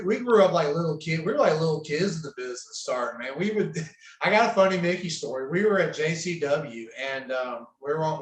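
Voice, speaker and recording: A man guest on a podcast, telling wrestling-road stories in a laid-back way, laughing as he goes. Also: a little high. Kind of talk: casual storytelling. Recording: roomy echo.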